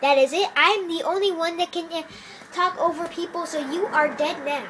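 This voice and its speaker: A woman's voice: extremely high pitch, fairly even intonation, normal speed. A woman voicing characters in a homemade game roleplay, hopping between goofy, playful voices. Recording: noisy home recording.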